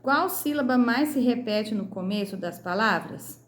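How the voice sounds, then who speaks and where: A Brazilian woman, a primary school teacher, going through a workbook lesson slowly and clearly, sounding out syllables. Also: a little high, lively intonation, roomy sound, slight background noise. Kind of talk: recorded lesson correcting a workbook.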